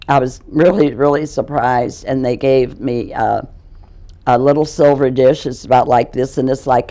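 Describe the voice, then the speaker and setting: A woman in her nineties speaks as an interview guest, her voice hoarse and worn. There is a gravelly crackle under her mellow, darkish tone. She recalls things haltingly, often repeating words as she searches for them. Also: rumbling low. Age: 90s. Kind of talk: casual reminiscing interview.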